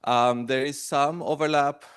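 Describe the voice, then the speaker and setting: A male guest lecturer from Romania speaks in a smooth, resonant voice that sounds close and dry. He talks hesitantly, with frequent fillers and restarts. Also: medium pitch, steady tone, measured pace, a bit bright, dry recording. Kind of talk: academic lecture. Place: lecture room.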